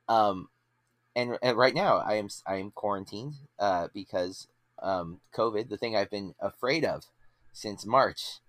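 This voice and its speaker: A man's voice: on the low side, a bit bright, no room sound. A man in his late thirties hosting a movie podcast, talking in a casual, rambling way with many fillers and restarts. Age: 30s. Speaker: podcast host. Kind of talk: casual chat.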